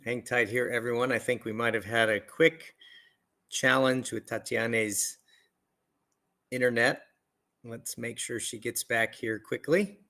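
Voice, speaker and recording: An enthusiastic man opens a live podcast over a video call, welcoming everyone brightly. His voice has a bright, forceful edge at a medium pitch. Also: steady tone, unhurried, long pauses. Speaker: podcast host.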